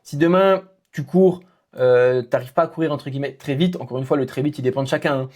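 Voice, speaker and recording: A man's voice: mid-range voice, a little fast, darkish tone. A man with a French accent, a running coach explaining training exercises to the viewer in a casual, informal way. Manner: informal, addresses the viewer directly, frequent fillers. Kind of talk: casual explanatory talk to camera.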